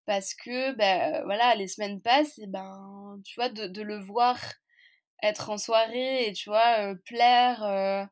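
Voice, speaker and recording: A woman's voice: medium pitch, fairly even intonation, takes it slowly. A French woman in her twenties, a podcast guest telling a personal story in a chatty, candid, hesitant way. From France. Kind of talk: casual storytelling interview.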